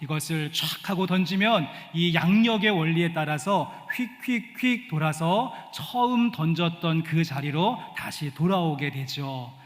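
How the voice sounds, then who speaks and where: Male pastor, sermon, higher voice, long echo of a church hall. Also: unhurried, few pauses. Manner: explaining a passage step by step, asking the congregation questions. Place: church sanctuary.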